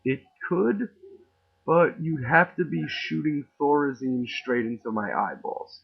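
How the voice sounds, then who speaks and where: A New York City man with a local accent hosts a podcast, his fairly high, lively voice moving a little slowly with a creaky, breathy edge. He rants casually in an opinionated, sarcastic way, rambling and restarting often. The audio sounds tinny, like a phone.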